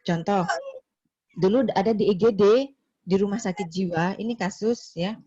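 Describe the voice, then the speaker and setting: A woman lectures a nursing class over a slightly dull, lo-fi call line, her voice sitting in a middle pitch. She talks in a chatty way, closing phrases with "ya" and "gitu ya". Now and then she slips into quick little voices for patients and nurses. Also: dark tone, breathy edge, dry recording. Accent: Indonesian.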